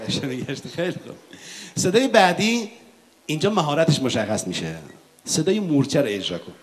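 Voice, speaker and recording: A man's voice: a little high, sing-song. A man hosting a comedy sketch on stage, playing the exasperated straight man. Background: live audience.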